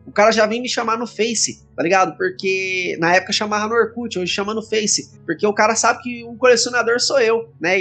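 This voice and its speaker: A man's voice: high voice, slightly rough. A man in his thirties with a São Paulo accent, chatting casually as a podcast guest, slangy and full of fillers. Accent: São Paulo Portuguese. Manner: slangy, relaxed, lots of fillers. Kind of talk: casual interview talk.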